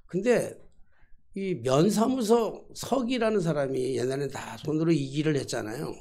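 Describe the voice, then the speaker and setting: An older male pastor, in his sixties, delivers a storytelling sermon in a church. His voice is dark and mellow with a gravelly edge. He acts out both sides of a dialogue with God. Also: medium pitch. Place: church sanctuary.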